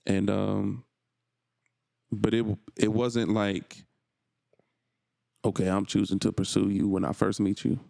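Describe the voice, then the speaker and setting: A man with a deep, very gravelly voice that stays flat and seldom rises. He co-hosts a podcast in casual chat. He tells his story in a laid-back way, often restarting phrases, and his voice sounds dark and dry, close to the mic. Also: slow, long pauses, dry recording. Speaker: podcast co-host.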